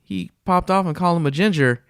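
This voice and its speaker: A man's voice: sits high, brisk, smooth, no room sound, clean studio sound. A man co-hosting a podcast, chatting casually and telling stories bluntly with a joking edge. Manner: animated storyteller, blunt and joking.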